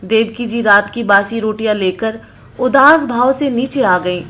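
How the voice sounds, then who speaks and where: A woman's voice: measured pace, fairly bright tone. A woman narrating a family moral story, voicing every character in her own voice with only small changes. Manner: reads all characters in her own voice, small pitch shifts.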